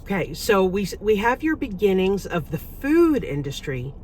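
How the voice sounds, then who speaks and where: A woman's voice: medium pitch, sing-song, moderate pace, a little mellow, a little hiss or hum. A woman hosting a casual, chatty interview from inside a parked car. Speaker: host.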